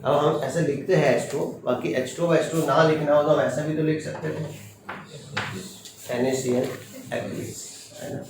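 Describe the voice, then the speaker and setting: A male teacher runs a strict chemistry lecture, firing short quiz questions at the class. His fairly high voice keeps a fairly even intonation at normal speed. The recording catches him from far away in an echoing, noisy classroom.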